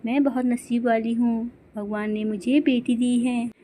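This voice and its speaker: A woman's voice: fairly high pitch, steady tone, a little slow, mellow, a little hiss or hum, close to an everyday voice. A woman voicing Gori, a loving mother bird who is upset and tearful. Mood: defiant. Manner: tearful, pleading.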